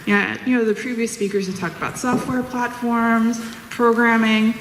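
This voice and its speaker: A woman's voice: on the high side, fairly even intonation, moderate pace, fairly bright tone. A woman in her thirties from the United States gives an informal, upbeat talk to students as a guest engineer, speaking casually. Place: large room or hall, talk to an audience. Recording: roomy echoing hall, faint background noise.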